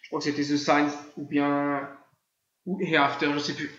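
A man's voice: a little high, level tone, moderate pace, a bit bright. A man giving an informal online religious lesson, talking in a conversational, rambling way with many fillers and repeated phrases. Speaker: religious teacher. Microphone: computer microphone in a voice-chat room. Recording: dull, echoey online voice-chat audio.

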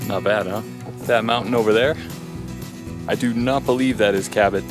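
A man's voice: lowish voice, fairly even intonation, normal speed, loud music behind the voice. A man in his thirties vlogging a hike outdoors on a forest trail, talking casually into a handheld action camera with a chatty, thinking-aloud manner. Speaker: hiker vlogger. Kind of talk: casual trail vlog narration. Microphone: action camera on a handheld pole.

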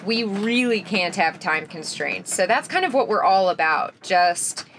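A woman's voice: mid-range voice, a little slow. Young woman, casual interview guest, upbeat and chatty, recorded in a small boat cabin with faint background noise. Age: young adult. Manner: lively, laughs often, talks with her hands. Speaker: sailor guest.

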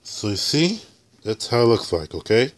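A man's voice: mid-range voice, sing-song, normal speed, slight background noise. A young adult man hosting a casual food review from his home kitchen, talking like a show announcer. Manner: announcer-like, refers to himself in third person.

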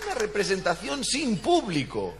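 High, animated man with loud audience. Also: over a noisy crowd, heavy background noise. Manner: wry quick interjections. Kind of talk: comic radio chat.

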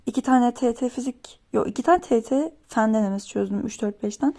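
A woman's voice: on the high side, brisk, darkish tone. A young woman casually vlogging her study day, chatty and rambling, getting worked up over small annoyances. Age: young adult. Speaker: vlogger, exam student. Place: home, then a library.

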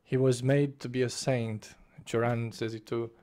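A young Romanian-native man with a darkish, medium-pitched voice gives a casual spoken book review at a moderate pace, his delivery flat. He's in a small bedroom at home, talking into a desk mic in front of his face with webcam framing. Passion shows in how he gestures with both hands and restarts his phrases.

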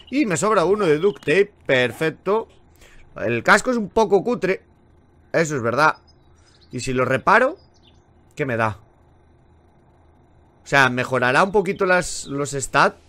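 Lively, bright-voiced gamer man. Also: mid-range voice. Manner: chatty and exasperated, swears often. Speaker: gaming channel host. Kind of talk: let's play commentary.

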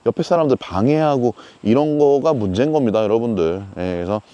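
A man's voice: mid-range voice, a little fast, warm tone, clean tone, no room sound, lo-fi sound. A man talking casually to camera in a camping vlog, chatty with lots of fillers and strong opinions. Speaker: camping vlogger. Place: outdoors at a campsite.

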